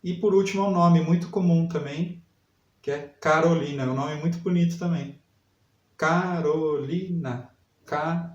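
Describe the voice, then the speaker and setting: A man teaching a literacy lesson, sounding out syllables slowly and repeating each word. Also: fairly high pitch, fairly even intonation, distant mic, highs cut off. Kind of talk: slow spelling lesson for adult learners. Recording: echoey room, voice set back from mic.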